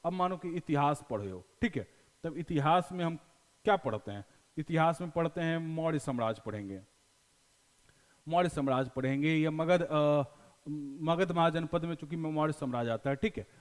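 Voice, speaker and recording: A man with a Bihari accent teaching a class in a slightly high voice. He talks in a folksy way, slips into local dialect, and keeps asking the class questions before answering them himself. The recording has a long, echoing reverb. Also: moderate pace. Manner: explains with repeated questions and answers. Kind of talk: classroom lecture.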